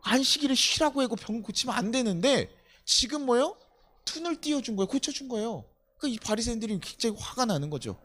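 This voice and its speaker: A male pastor delivers an animated sermon at a night worship service. His fairly high voice swings widely in pitch and races along. He keeps drawing the congregation in with rhetorical questions. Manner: acts out quoted voices in short snaps.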